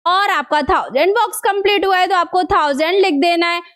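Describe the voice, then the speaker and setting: Woman, teacher, very high voice, coaxing, repeats questions, slows down on numbers, classroom lesson. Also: fairly bright tone.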